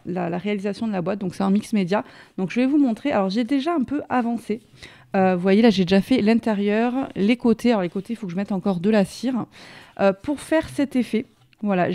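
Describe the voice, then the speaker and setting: A woman's voice: medium pitch, dark tone. A woman presenting a casual hands-on craft tutorial, chatting and explaining each step while she works.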